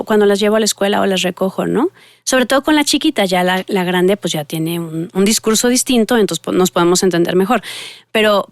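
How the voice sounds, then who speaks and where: A woman's voice: fairly high pitch, no echo, clean studio sound. Woman therapist giving parenting advice. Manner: acts out parent-child dialogues in a lifted voice. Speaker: family therapist and podcast host. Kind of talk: casual parenting advice talk.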